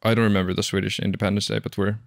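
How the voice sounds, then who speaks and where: A man speaking as a podcast guest, hesitant with many pauses and uhs. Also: on the low side, little pitch movement, creaky, no echo, clean studio sound. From Finland. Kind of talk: casual conversation.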